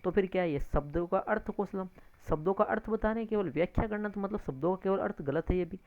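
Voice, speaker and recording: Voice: mid-range voice, fast. A teacher going through exam answers step by step. The teacher keeps addressing listeners as friends, repeats points and adds frequent tag questions. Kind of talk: exam-prep lecture, explaining answers. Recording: dull lo-fi recording.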